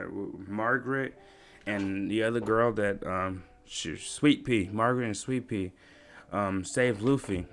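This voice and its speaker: A man giving slangy, rambling reaction commentary on a comic chapter. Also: on the low side. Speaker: anime commentator.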